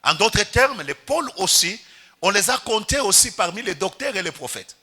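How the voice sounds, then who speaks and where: A man's voice: high-pitched, sing-song, moderate pace, bright, forceful tone, husky. A Congolese pastor preaching a sermon in church, calling out to the congregation and stretching his key words for emphasis. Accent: Congolese French.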